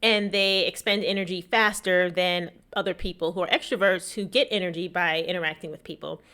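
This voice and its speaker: A woman's voice: lowish voice, steady tone, fairly quick, pushed and bright. Woman with a slightly shaky, cough-worn voice. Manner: opinionated, emphatic, repeats points for stress. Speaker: host, small business technology educator. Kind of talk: casual explanatory talk to viewers.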